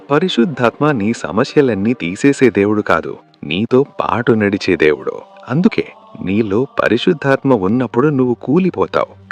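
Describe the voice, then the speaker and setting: A man narrating a devotional sermon in an earnest way, speaking straight to the listener. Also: fairly low pitch. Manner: earnest, addresses the listener directly. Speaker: preacher.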